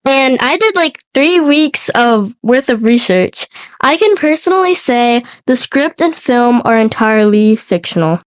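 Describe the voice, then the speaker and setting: Congested from a cold, this young podcast co-host speaks in a fairly high, sing-song voice at a measured pace. She tells a story that's partly scripted and partly loose chatter. There's no echo, though the audio quality is poor.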